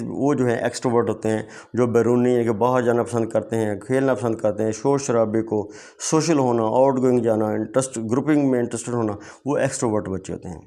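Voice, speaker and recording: A male teacher giving an exam-prep lecture. He reads each English question slowly, then explains it quickly. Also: medium pitch, dark tone. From Pakistan.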